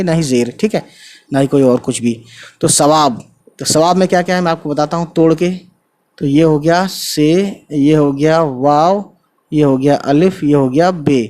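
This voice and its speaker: A man teaching an online Urdu writing lesson, spelling words slowly letter by letter and checking in with the viewers often. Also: fairly high pitch, darkish tone. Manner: spells out letters slowly, tags lines with "ठीक है" and "guys". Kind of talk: casual spoken lesson.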